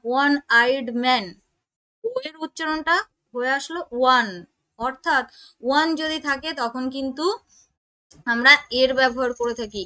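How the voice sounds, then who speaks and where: A woman teaching an exam-prep grammar lesson, explaining slowly, repeating points and asking checking questions. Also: sits high, a bit bright. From West Bengal. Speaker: English teacher.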